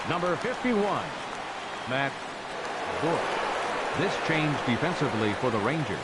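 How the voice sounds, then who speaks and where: A man voicing a ballpark public address announcer who calls out names in slow, drawn-out formal calls, heard over a stadium PA system from far off. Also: very animated. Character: adult male ballpark PA announcer, formal and booming. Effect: booming over a stadium PA system from far off. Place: large outdoor baseball stadium. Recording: distant PA over loud crowd noise. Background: loud cheering crowd and stadium noise.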